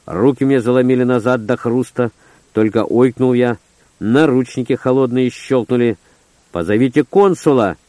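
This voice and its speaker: An audiobook narrator reads a first-person story in short, terse, gritty phrases. His mid-range voice stays fairly level in pitch, moves at a normal speed, and has a dark tone, captured in a dry recording.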